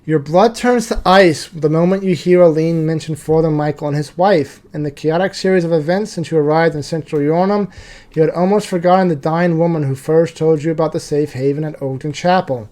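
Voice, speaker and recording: A man's voice: a little high, brisk, a little mellow. A man reading a card game scenario aloud as narrator, adding asides about the game's rules. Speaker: board game player and narrator.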